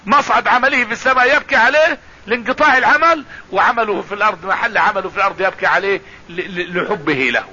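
Male religious teacher, high, sharply bright tone, lo-fi radio broadcast sound. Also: fast talker. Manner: explanatory, repeats phrases, recites verses. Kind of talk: Quran commentary lesson.

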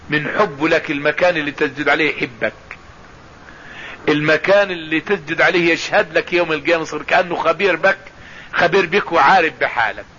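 Husky bright-voiced scholar on radio. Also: male voice, a little high. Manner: explanatory, repeats phrases, recites verses. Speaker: religious teacher. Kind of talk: Quran commentary lesson. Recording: dull lo-fi radio broadcast.

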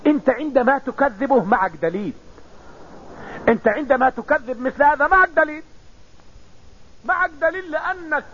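Male preacher, very high and breathy, lesson delivery on a muffled recording. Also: bright, forceful tone. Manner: explains with everyday examples, repeats phrases. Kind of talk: religious lesson.

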